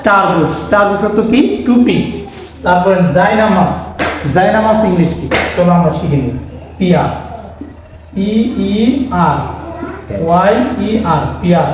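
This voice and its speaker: Man, English teacher, spells words letter by letter, asks and answers himself, fairly high voice, very echoey room. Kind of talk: spelling-out vocabulary lesson. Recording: very echoey room, faint noise.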